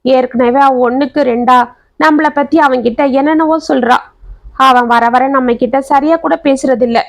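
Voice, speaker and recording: ஒரு பெண் கதைசொல்லி, பொறுமையான விதவைத் தாயின் குரலில் மென்மையாகக் கெஞ்சிப் பேசுகிறார். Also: female voice, high-pitched, steady tone, moderate pace, creaky. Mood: pleading. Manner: pleading, gentle. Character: patient widowed mother, pleading and tearful.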